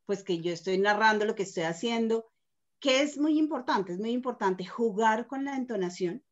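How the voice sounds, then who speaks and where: A woman's voice: fairly high pitch, lively intonation, moderate pace. A mother in a casual discussion who talks reflectively and often restarts her sentences. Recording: dull lo-fi sound.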